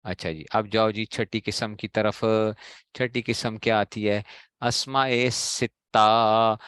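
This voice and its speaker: A man's voice: lowish voice, steady tone, moderate pace, dry recording. A man teaching Arabic grammar to a class, drilling his students with repeated questions and answers in a Pakistani Urdu accent. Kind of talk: classroom lecture.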